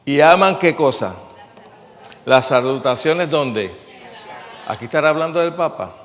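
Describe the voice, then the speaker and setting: A man's voice: on the high side, expressive, unhurried, a bit bright, some chatter behind. Man preaching in a reverberant hall. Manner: plain-spoken, asks the congregation questions, jokes. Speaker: pastor. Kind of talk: conversational sermon.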